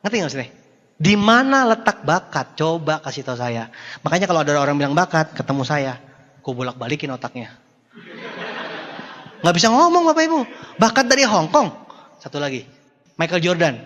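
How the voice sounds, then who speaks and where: A man giving a jokey, animated motivational seminar talk, swinging between loud bursts and low murmurs. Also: a little fast, lo-fi sound. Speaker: motivational speaker. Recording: long hall reverb.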